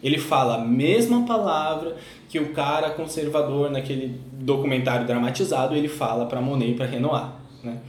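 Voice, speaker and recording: A man's voice: medium pitch, normal speed, a little mellow, a little hiss or hum. A man hosting a casual discussion, telling stories with frequent hesitations. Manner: rambling storyteller, often hesitates. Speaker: podcast host. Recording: roomy echo, faint music.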